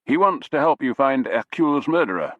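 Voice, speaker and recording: Narrator as a commanding brigadier, brusque, lo-fi. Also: male voice, mid-range voice, animated, a little fast, fairly bright tone, dry recording, pitched above the performer's own voice, natural voice.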